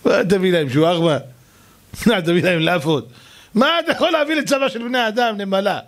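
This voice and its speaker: A man's voice: high-pitched, expressive, voice pushed up. A man voicing a proud ancient king who mocks an ant, within a sermon story. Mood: mocking. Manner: boastful and mocking. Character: proud ancient king, mocking then humbled.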